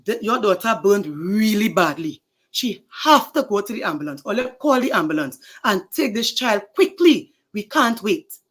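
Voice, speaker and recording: A woman's voice: mid-range voice, lively intonation, normal speed, slightly rough. A woman voicing a sad, grave male doctor giving bad news.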